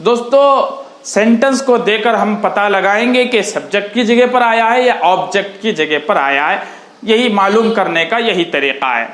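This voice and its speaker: A man teaching an English grammar lesson, slowly repeating each word along with its meaning. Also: high-pitched, expressive, fairly bright tone, reverberant.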